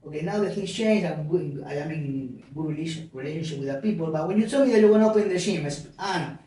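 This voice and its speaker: A man's voice: fairly high pitch, quick pace. A man, a gym owner, telling stories in loose on a casual podcast. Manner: non-native grammar, warm storytelling. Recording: very echoey room, mic far off.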